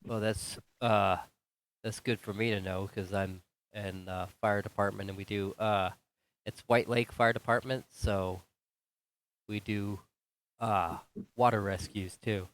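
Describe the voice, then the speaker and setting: Colorado firefighter, man, low and smooth, talks slow and thoughtful. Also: steady tone. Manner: thoughtful, hesitant with fillers. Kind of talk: casual book club chat.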